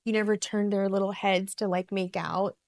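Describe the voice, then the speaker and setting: A middle-aged woman co-hosting a podcast, telling stories in a blunt, profane, animated way. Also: mid-range voice, normal speed, gravelly. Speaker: podcast co-host. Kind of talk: casual chat.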